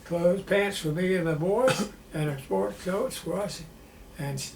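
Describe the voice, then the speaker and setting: Elderly Southern veteran remembering, high-pitched voice. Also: male voice. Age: 90s. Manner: old veteran remembering, plainspoken and halting. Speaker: war veteran being interviewed. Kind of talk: personal reminiscence in an interview. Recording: roomy echo with faint background noise.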